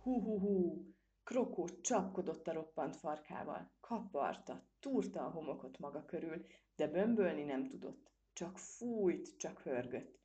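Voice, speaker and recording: A woman narrating a children's storybook with lively, expressive reading. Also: deep voice. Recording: dull lo-fi recording.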